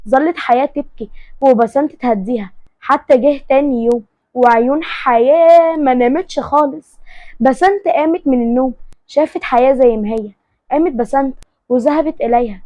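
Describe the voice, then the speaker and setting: Egyptian woman storyteller, high-pitched, friendly, dry sound. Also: a little fast, warm tone, dry recording, muffled recording. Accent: Egyptian Arabic. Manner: friendly, direct to viewers. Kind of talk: narrating a romance story.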